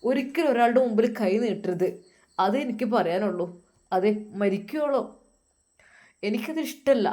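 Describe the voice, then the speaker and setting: A woman with a Malappuram Malayalam accent voicing a gentle, religious young husband who steadily reassures his wife. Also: mid-range voice, lightly acted. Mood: firm. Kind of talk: storytelling voice acting.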